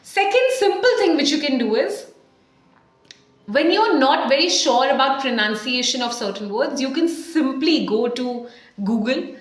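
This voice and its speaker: A communication coach in her thirties with an Indian English accent teaches to camera from a desk in a small tiled room, her high-pitched voice emphatic and animated as she poses questions to the viewer. She keeps a measured pace, and the small room sounds echoey.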